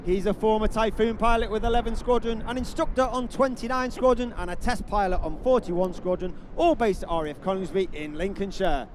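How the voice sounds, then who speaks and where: A man commentates on an airshow in a very high-pitched voice. He announces in a build-up style, presenting each manoeuvre to the spectators. Faint outdoor noise sits behind him. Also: brisk, hardly any pauses. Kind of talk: airshow commentary over a public address.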